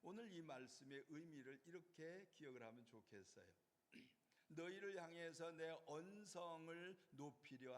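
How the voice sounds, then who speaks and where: Man preaching in a reverberant church hall. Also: a little high. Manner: explanatory, asks the congregation questions and answers them. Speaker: pastor. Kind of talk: sermon. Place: church sanctuary.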